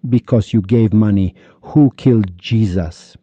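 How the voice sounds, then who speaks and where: A man from Iran giving a heated, upset religious monologue, scolding listeners with insults and rapid-fire rhetorical questions. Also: fairly low pitch, warm tone, breathy edge, dry recording. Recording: dull lo-fi recording.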